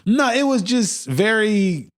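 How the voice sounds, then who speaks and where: A man's voice: sits high, sing-song, takes it slowly, a little hiss or hum. A man co-hosting a podcast in casual chat, blunt, joking and often profane. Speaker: podcast co-host.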